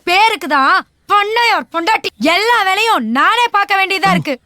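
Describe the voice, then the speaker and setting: Nagging wife; shrill and bright. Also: female voice, expressive, brisk, no room sound, studio quality, full character voice. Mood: grumbling. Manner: grumbling, whiny. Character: complaining middle-aged wife, grumbling. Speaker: headman's wife.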